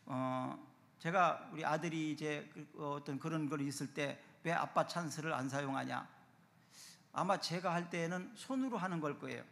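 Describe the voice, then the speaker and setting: A middle-aged man preaching a sermon as pastor, with emphatic, sudden loud rises. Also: on the high side, normal speed, creaky. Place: church sanctuary. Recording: long church hall reverb.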